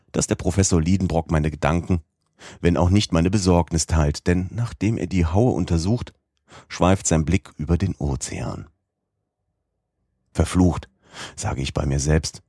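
Audiobook narrator: man, very low voice, measured first-person reading, dry close sound. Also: warm tone, slightly rough, no room sound. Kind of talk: scripted narration.

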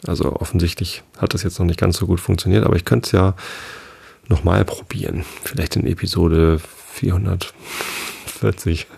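A man's voice: deep voice, steady tone, moderate pace, vocal fry, a little mellow, slightly rough. A man hosting a podcast, reading a story to help listeners sleep and then chatting hesitantly. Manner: hesitant with fillers in his own talk. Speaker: podcast host reading aloud. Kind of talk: bedtime story reading, then casual chat.

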